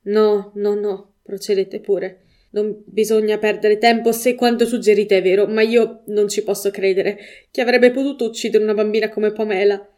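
A woman's voice: mid-range voice, level tone, normal speed, a little mellow, lightly acted. A woman reading the lines of a shaken father, a retired army major, in short stunned replies.

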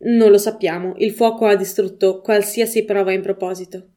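A woman reading the lines of a male police superintendent in a measured, formal tone. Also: medium pitch, little pitch movement, warm tone, close to an everyday voice. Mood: reassuring.

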